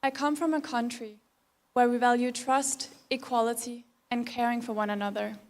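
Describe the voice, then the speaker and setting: A woman's voice: on the high side, fairly even intonation, normal speed. A Danish woman speaking English as a pageant contestant, giving a composed, formal prepared speech. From Denmark.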